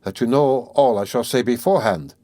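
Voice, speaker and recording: A man's voice: mid-range voice, a little fast, warm tone, no echo, natural voice. A man doing a feverish, suspicious young man. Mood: defiant.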